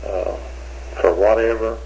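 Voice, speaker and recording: A man's voice: lowish voice, steady tone, unhurried, dark tone, a little hiss or hum, low-quality recording. An older man being questioned, talking in a hesitant, rambling way with many restarts, heard on an old interrogation tape recording.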